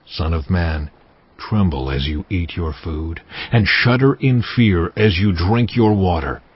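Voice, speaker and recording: An actor playing a solemn, commanding God who pronounces judgment gravely and deliberately in a dramatized audio Bible. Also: male voice, deep voice, dry recording. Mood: stern, foreboding. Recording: muffled sound with music behind. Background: cinematic music.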